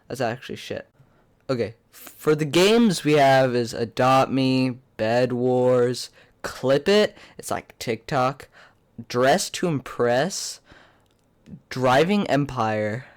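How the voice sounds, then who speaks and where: A man's voice: mid-range voice, animated, slow. Young man, sick with a cold, nasal pinched-nose sound, casual video commentary, rambling, blunt. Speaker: YouTuber.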